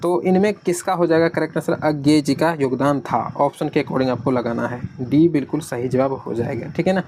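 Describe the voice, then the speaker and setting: A man's voice: a little high, moderate pace, hardly any pauses, a little mellow, a little hiss or hum. Patient exam-prep teacher, man. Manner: explains patiently, asks and answers his own questions. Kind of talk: online exam lesson.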